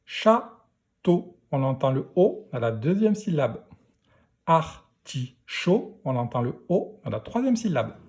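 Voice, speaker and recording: A man teaching young children to read, sounding out syllables slowly and deliberately. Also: mid-range voice, big pitch swings, mellow. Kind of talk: reading lesson for young children.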